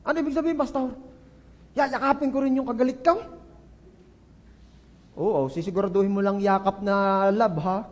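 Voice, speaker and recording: A man preaching a sermon as pastor, animated and lively, acting out the people in his examples and slipping English phrases into his talk. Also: sits high, normal speed, long pauses, in a large hall. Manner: animated preaching, acts out quoted people, mixes English into Tagalog. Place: church.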